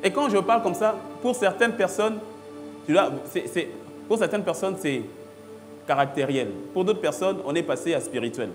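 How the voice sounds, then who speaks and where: High-voiced man preaching a fervent sermon. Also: normal speed, music in the background. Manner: preaching with rising intensity, repeating phrases emphatically. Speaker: pastor. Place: church.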